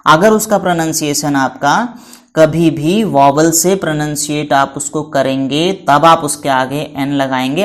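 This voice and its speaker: A man teaching English to children in a patient classroom style, asking questions and answering them himself and spelling words out letter by letter. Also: a little high. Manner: calls students "beta" affectionately.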